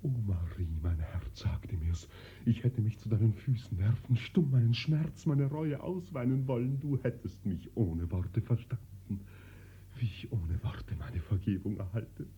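A man's voice: lowish voice, unhurried, mellow, breathy edge. An actor playing an impassioned young nobleman begging forgiveness, fervent and sinking into pleading whispers, in 1940s radio acting on a dull, lo-fi old radio recording. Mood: tender.

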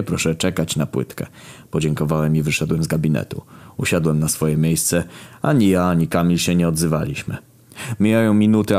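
Deep-voiced man telling a comic story. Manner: deadpan narration with sudden loud outbursts. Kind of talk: comic first-person storytelling.

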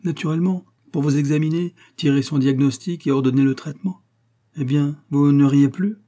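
A man's voice: a little high, normal speed, mellow, voice pushed up, close to an everyday voice. Man reading as a stern, scheming host. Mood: menacing. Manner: stern, mockingly commanding. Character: cold, scheming male host toying with an impostor. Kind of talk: audiobook character reading.

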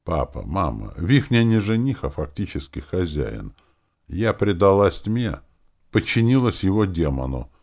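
A man voicing a defiant, sharp-tongued young woman. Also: low voice, sing-song, unhurried, voice pushed up, heavily acted. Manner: sharp, mocking, insistent. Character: bold headstrong young woman, defiant daughter.

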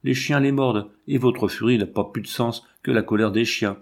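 A man's voice: medium pitch, moderate pace, natural voice. A man voicing a sly, sarcastic old shepherd with sorcerous powers in an audiobook, speaking in a mocking and ominous tone. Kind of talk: audiobook character reading.

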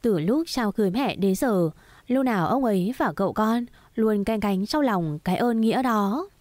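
A woman voicing a gentle, patient middle-aged mother who soothes her daughter in a storybook reading, with a soft coaxing tone and a dry recording. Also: medium pitch, expressive, moderate pace, dry recording, lightly acted. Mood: recounting.

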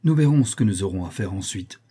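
Give me a haughty, commanding adventurer, voiced by a male audiobook reader. He is raised and firm over a mellow, husky base. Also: low-pitched, lively intonation, fast talker. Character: bold English adventurer, commanding.

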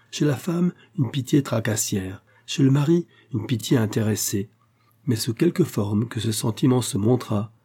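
A man narrating a classic novel as an audiobook in a measured, even way. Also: lowish voice, slightly rough. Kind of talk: scripted literary narration.

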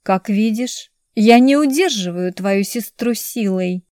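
Woman doing a cold mocking young man, slow sneer, mellow dry voice, audiobook. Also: medium pitch, no room sound, lightly acted. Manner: sneering, calm, drawn-out.

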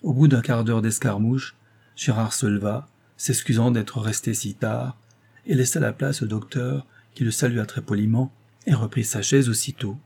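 A man narrating a novel as an audiobook, in a measured, even storytelling manner. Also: fairly low pitch, vocal fry, slightly rough.

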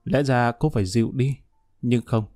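A man's voice: medium pitch, fairly even intonation, normal speed, a little mellow, no room sound, studio quality, soft background music. A man narrating a dramatic story in a scripted reading.

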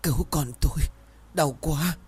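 A man's voice: on the high side, unhurried, a little mellow, breathy edge, voice pushed up. A man voicing a pained, gasping young woman in labor in a told horror story.

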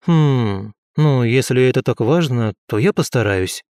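A man's voice: mid-range voice, lively intonation, measured pace, a little mellow, clear, resonant tone, no echo, studio quality, natural voice. A man voicing an eccentric undead male ghost scientist who rambles in a matter-of-fact, businesslike way. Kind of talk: audiobook character voice.

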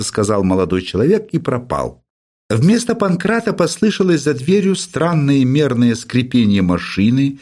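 Expressive male audiobook narrator. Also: medium pitch. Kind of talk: literary narration.

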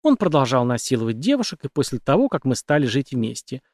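Man voicing a cold, calm female killer. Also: mid-range voice, fast, dry recording, clean studio sound. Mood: calm menace. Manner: soft, composed, menacing.

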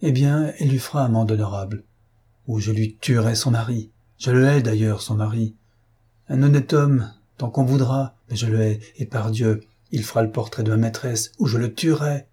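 A man's voice: mid-range voice, moderate pace, dark tone, slightly rough, close to an everyday voice. A man voicing an anguished, jealous young nobleman who speaks in bitter, passionate outbursts. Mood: vengeful.

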